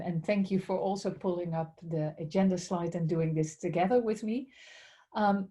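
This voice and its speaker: Her voice is fairly low-pitched with a dark tone. Working as head of strategic accounts, she presents a business webinar over a video call in a Dutch accent, staying polite and often thanking people.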